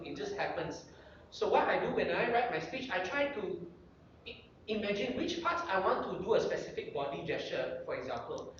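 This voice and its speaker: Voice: medium pitch, a little hiss or hum. A guest speaker giving public speaking tips at a club meeting, coaching with checklist questions. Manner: animated coaching delivery, rhetorical checklist questions. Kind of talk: motivational speaking workshop talk. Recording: very echoey room, distant dull lo-fi mic.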